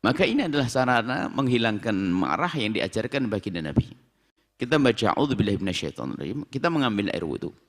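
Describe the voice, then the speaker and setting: Male preacher, emphatic, lively delivery, long reverb. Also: fairly low pitch. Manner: lively, emphatic, with drawn-out phrases. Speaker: Islamic preacher. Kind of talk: sermon.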